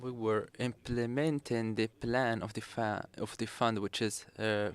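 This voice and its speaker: A man's voice: lowish voice, level tone, measured pace, clear, resonant tone. A man working as a conference interpreter, rendering a talk live in hesitant, piecemeal phrases.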